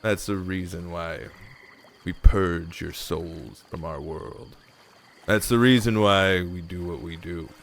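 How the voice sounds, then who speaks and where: Man playing a self-righteous, low-voiced interrogator. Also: slow, gravelly, fairly bright tone, slight background noise, full character voice. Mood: indignant, righteous. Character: cocky zealous male captor questioning his prisoners.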